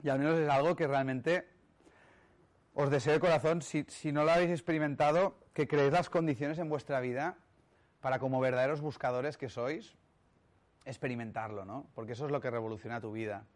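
A man speaking on personal growth delivers a motivational talk in a medium-pitched, steady voice at a fairly quick pace. He is emphatic and rhetorical, often checking in with his audience.

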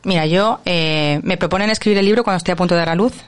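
A woman's voice: fairly low pitch, fast talker, smooth. A woman, an author and workshop leader, explaining parenting ideas emphatically in a conversation. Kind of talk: interview conversation.

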